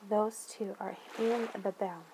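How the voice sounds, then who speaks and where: A woman guides a meditation, speaking gently in deliberate phrases with long pauses and soothing affirmations. Her mid-range voice stays fairly even, and there is background noise.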